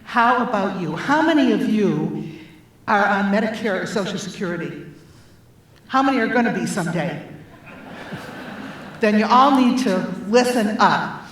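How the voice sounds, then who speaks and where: A woman's voice: medium pitch, normal speed, pauses often. Echoey, distant older woman storyteller. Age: 70s. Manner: humorous, lively storyteller with punchlines. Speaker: guest speaker, life coach. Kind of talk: personal storytelling talk. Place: church sanctuary. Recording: very echoey hall, voice from far off, faint noise.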